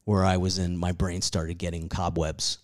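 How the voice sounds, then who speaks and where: A man in his forties with a very low voice talks loosely on a podcast. He rambles from thought to thought, puts himself down and swears casually. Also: level tone, normal speed. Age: 40s. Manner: rambling, self-deprecating, swears freely. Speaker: comedian guest.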